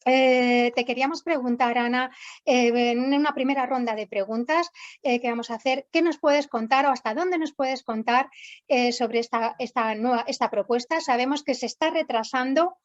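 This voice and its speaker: A woman's voice: sits high, moderate pace, highs cut off. A woman moderating an online panel as host, introducing guests and putting questions to them, over webinar audio.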